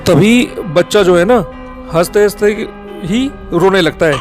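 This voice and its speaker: High-voiced man telling a horror story. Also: measured pace, faint music behind. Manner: rambling, fillers, self-corrections. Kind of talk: casual spoken storytelling.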